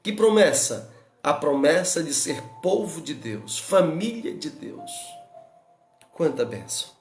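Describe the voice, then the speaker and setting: A Brazilian Portuguese-accented pastor preaches an expository Bible study in an unhurried, deliberate delivery. His voice sits fairly high for a man. He asks rhetorical questions and repeats his urgings, and the room around him rings with echo. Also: sing-song, faint music behind.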